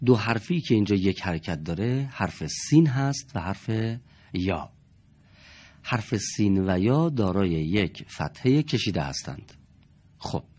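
A man teaching Quran reading to a class, explaining letters and marks and slowly sounding out example words. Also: low voice, darkish tone, husky. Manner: slow, stretched-out demonstration of words. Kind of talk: classroom lesson.

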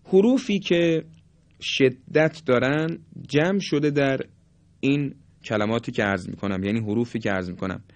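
Man, teacher, deliberate explanatory lesson, polite formal tone, demonstrates sounds aloud. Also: medium pitch. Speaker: Quran recitation teacher. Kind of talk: explanatory lesson on letter articulation.

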